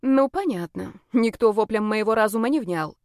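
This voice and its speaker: A woman narrating a first-person audiobook in a lively, wry, expressive way. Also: a little high, normal speed, no echo, clean studio sound. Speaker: audiobook reader.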